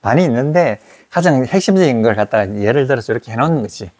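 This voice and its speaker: Male English teacher, husky and gravelly, lively pitch, drills pronunciation with slow repetition. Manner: repeats English words slowly to model pronunciation. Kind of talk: classroom grammar lecture.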